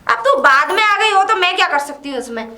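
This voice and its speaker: A woman playing a scheming first wife who mocks her rival. Her voice is very high and bright. It rings in a roomy space. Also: sing-song, a little fast, exaggerated voice. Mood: taunting. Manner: taunting, mocking. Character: scheming young wife, taunting and bossy. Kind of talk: low-budget Hindi drama acting. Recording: echoey room.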